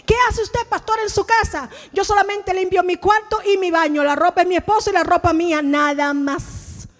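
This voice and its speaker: A woman pastor preaching a sermon in a church, animated, often acting out the voices of church members. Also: very high-pitched, moderate pace, big-room sound.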